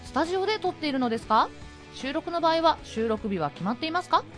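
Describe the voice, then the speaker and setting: A woman in her twenties co-hosts a casual web radio show from a small studio. She gushes like an excited fan and often trails off into hesitant, drawn-out phrases. Her pitch swings widely as she talks quickly over a clear music bed. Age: 20s.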